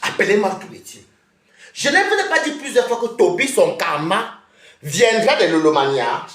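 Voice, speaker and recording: A woman's voice: mid-range voice, big pitch swings, normal speed, echoey room. A woman streaming live from home, scolding and calling out a rival, often laughing mockingly. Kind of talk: heated live-stream rant.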